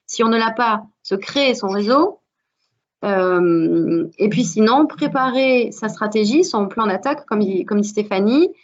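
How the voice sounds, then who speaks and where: A woman from France with a French accent, speaking earnestly as a guest with many hesitations in a panel discussion. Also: fairly high pitch. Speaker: alumna guest. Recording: dull lo-fi audio.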